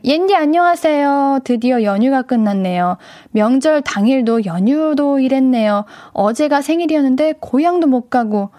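A woman's voice: fairly high pitch, dark tone, dry recording. A woman hosting a radio show, chatting casually with listeners and reading their messages in a studio. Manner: chatty, addresses listeners directly. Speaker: radio DJ host. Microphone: studio microphone.

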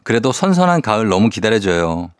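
A man hosting a morning radio show from a dry, close studio mic. His voice sits on the low side. He reads listener messages and chats back with quick asides. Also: big pitch swings, smooth, no room sound. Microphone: studio microphone.

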